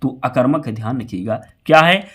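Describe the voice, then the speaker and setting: In a mid-range voice that's a little fast and fairly bright, a man who sounds slightly hoarse from fever leads an exam-prep quiz with lively intonation. Every question comes with its options read aloud, then the answer repeated, plus a reminder to hold onto it.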